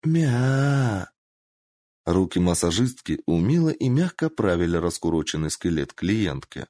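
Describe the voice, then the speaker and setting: A man narrating a story in an expressive, lively storytelling manner. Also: low voice, moderate pace, no echo. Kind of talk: audiobook narration.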